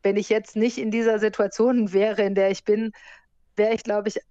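This is a woman in her forties with a soft, mellow voice, chatting easily about her life and laughing often. The sound is close and dry, with a slightly muffled, lo-fi quality. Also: mid-range voice, normal speed, no room sound. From born in the US, grew up in Germany. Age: 40s. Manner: lively, laughs often while telling stories. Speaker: interview guest, surf instructor and hostel owner. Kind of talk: relaxed conversational interview.

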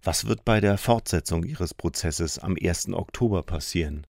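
A man's voice: deep voice, normal speed, creaky, a little mellow, dry recording, clean studio sound. A man asking interview questions in a matter-of-fact radio manner.

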